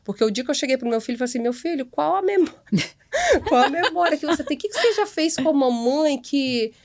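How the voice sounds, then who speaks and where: Earnest woman, high voice, chatty. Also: lively intonation, fast talker. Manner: earnest, repeats and restarts often, adds "né?" and "entendeu?". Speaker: company director, podcast guest. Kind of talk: casual interview chat.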